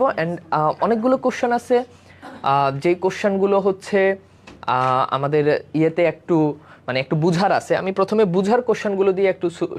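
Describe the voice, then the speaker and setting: Man teaching a live online exam-prep class. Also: high voice. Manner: explains step by step, often checks in with students; mixes English words into speech.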